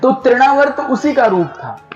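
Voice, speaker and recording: A man preaching a devotional sermon, telling a sacred story and urging the audience with animated questions. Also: very high voice, unhurried, dull audio, soft background music. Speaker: katha preacher.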